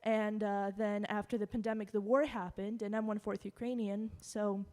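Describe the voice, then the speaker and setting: Halting young woman. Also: mid-range voice, flat delivery, darkish tone. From Russia. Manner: halting, with many fillers. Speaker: singer-songwriter performing. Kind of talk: live stage remarks between songs. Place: live event in a hall. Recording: long hall reverb with guitar behind.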